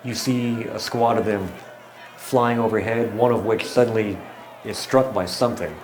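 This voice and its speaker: A man running a tabletop game as game master, setting scenes in a measured, descriptive way. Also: fairly low pitch, steady tone, soft background music.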